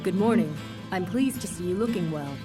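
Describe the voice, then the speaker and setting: A woman's voice: on the low side, a little fast, natural voice. An actress voicing a courteous, composed young woman in a video game, formal and polite. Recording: distant, under loud game music.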